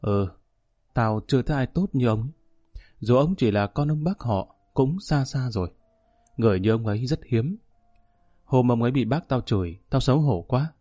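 A man's voice: medium pitch, expressive, moderate pace, dark tone, no room sound, studio quality, lightly acted. A man voicing a sad young runaway.

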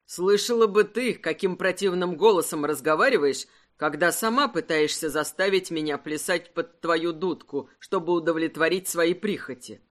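A woman voicing a confident, teasing aristocratic man, an earl, in a lowered, unhurried voice for a storybook. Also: natural voice. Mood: wry.

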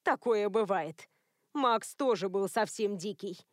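A woman voicing a prim, controlling elderly woman who is a werewolf grandmother, lecturing in a cold, even tone. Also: medium pitch, takes it slowly, no room sound, studio quality. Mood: stern.

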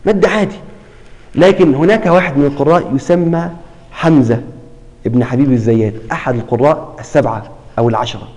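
A man teaching a classroom lesson on Quran recitation. He keeps asking his students questions, repeats the key terms, and draws out words slowly when he demonstrates them. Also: mid-range voice, a little mellow, big-room sound, muffled recording.

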